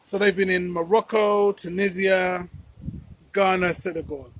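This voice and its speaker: A man's voice: sits high, fairly even intonation, a little slow, no room sound. A man hosting a political commentary channel, talking conversationally with rhetorical questions and repeated phrases.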